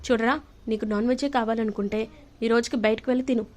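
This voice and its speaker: Woman playing stern mother, scolding, firm, fairly high voice. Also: steady tone, fast talker, a little mellow, lightly acted. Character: stern older mother scolding her son.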